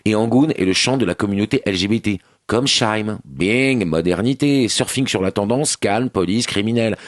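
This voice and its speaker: Brief: male radio TV critic, scathing and slangy, low voice, dry studio sound. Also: moderate pace, no room sound. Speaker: TV critic columnist on a radio morning show. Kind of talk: sarcastic radio review.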